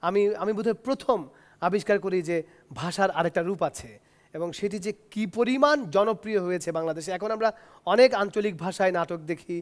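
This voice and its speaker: A man's voice: high voice, brisk. A man hosting a TV talk show, introducing his guest in a polite, formal way. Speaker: host.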